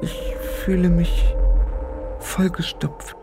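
Ein Mann spricht ein verängstigtes junges Hexenmädchen, das stockend und hastig redet. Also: male voice, mid-range voice, normal speed, over music, pitched above the performer's own voice, natural voice. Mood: eerie, dazed. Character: frightened young witch girl, shaky and strange.

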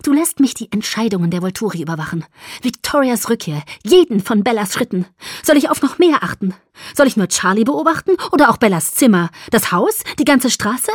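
A woman reading as a young vampire woman, speaking high, loud and clipped. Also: animated, fairly quick, breathy edge, dry recording, studio quality. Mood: cold, defensive. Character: young vampire woman, sharp, cold and defensive.

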